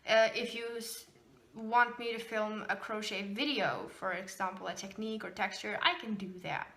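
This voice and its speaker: Speaking in a mid-range, slightly bright voice at a moderate pace, this native Norwegian speaker runs a relaxed knitting podcast. She's a knitting designer from Norway who chats loosely, laughing often and filling pauses with ums.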